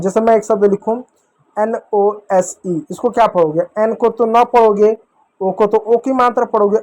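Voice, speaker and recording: Guy with a high voice, teaching english spelling rules, repeats every step and quizzes himself. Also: darkish tone. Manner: repetitive, drilling, asks and answers his own questions. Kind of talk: explaining a phonics lesson to beginners.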